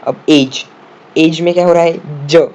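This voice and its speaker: Mellow man teaching shorthand. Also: on the high side, steady tone. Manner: asks the viewer questions, then answers them himself; spells out words slowly, letter by letter. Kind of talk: step-by-step classroom explanation. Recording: dull lo-fi audio with faint room noise.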